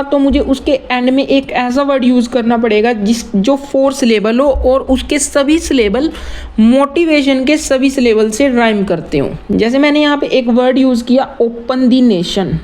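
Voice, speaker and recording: A man explaining rap writing in a casual tutorial, often repeating words slowly to split them into syllables and mixing English terms into his Hindi. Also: extremely high pitch, darkish tone.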